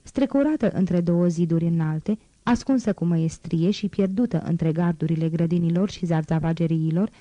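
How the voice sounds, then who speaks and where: A woman reads a classic novel aloud as an audiobook narrator, measured and even. Her voice sits fairly low and mellow. The recording is dry and close, with no room sound. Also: no echo, highs cut off. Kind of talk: audiobook reading.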